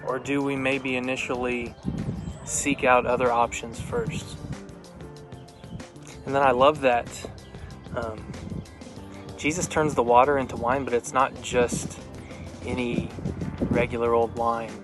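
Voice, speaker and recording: A man's voice: mid-range voice, level tone, unhurried, long pauses, over music. A man speaking in a plain, conversational and reflective way as he hosts a casual Bible devotional vlog outdoors. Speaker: host of a Bible devotional video. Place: outdoors in a backyard.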